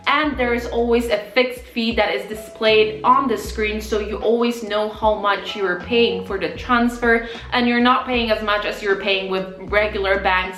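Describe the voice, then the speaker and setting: A woman's voice: medium pitch, fairly bright tone, reverberant. A young woman vlogger from Poland, chatting casually and rambling to the camera. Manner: chatty, rambling, self-questioning. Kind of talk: casual vlog chat. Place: outdoors walking, then at home.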